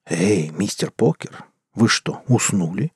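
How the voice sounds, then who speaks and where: Brief: male reader as icy femme fatale in a western audiobook, low-key and aloof. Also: lively intonation, slow pace, slightly rough, no echo, studio quality, exaggerated voice. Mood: cold. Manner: cool, detached. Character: cold mysterious young lady card player.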